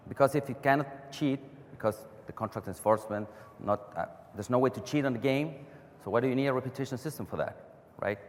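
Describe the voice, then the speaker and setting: Speaking briskly with hardly any pauses, a Chilean man with a medium-pitched voice gives a technical conference talk in a large, echoing hall with long reverb and a little hiss or hum. He uses non-native phrasing, restarts frequently and asks a rhetorical "right?"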